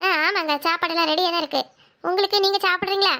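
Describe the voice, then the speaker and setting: A woman voicing a strict young village mother in a cartoon, nagging and brisk. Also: extremely high pitch, fairly even intonation, bright, forceful tone, full character voice. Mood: complaining. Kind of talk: cartoon voice acting.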